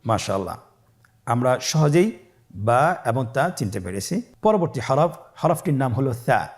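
Man teaching letters, call and repeat, drags each sound out long, calm mid voice. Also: mid-range voice. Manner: patient, drawn-out letter sounds for learners to repeat; praises softly after each drill. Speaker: Quran reading teacher. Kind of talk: step-by-step lesson with call-and-repeat.

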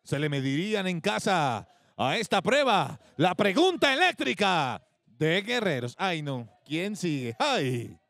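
A man's voice: high voice, sing-song, a little slow, vocal fry, fairly bright tone, no room sound. A man with a Colombian accent co-hosting a TV game show, counting down and joking with the audience at home. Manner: playful, counting down and cheering.

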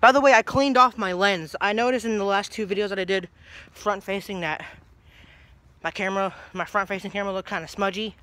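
A twenty-something vlogger from New Jersey rambles casually to his phone, held low at arm's length, outdoors by a brick house in a grassy yard. His high-pitched voice is steady, brisk, bright, and forceful, and he's easily sidetracked.

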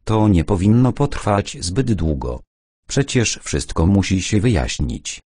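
A man's voice: low voice, big pitch swings, a little slow, darkish tone, dry recording, studio quality, full character voice. A man doing a worried young army captain.

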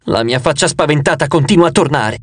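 A man voicing a sad, hopeless male giant with a hundred hands who whimpers slowly in despair. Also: fairly high pitch, slightly rough, dry recording, clean studio sound.

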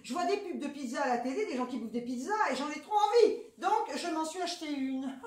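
A woman's voice: sits high, animated, a little fast, darkish tone. A woman with a southern French accent, chatting frankly and cheekily through a grocery haul, swearing freely. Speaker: vlogger showing a grocery haul. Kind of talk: casual haul chat. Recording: echoey room.

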